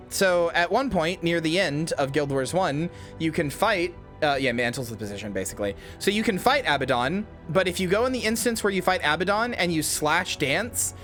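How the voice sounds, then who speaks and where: A man casually commenting on a game as he plays, rambling with lots of fillers and swearing. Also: medium pitch. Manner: rambling, full of fillers, swears and loud outbursts. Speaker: game streamer.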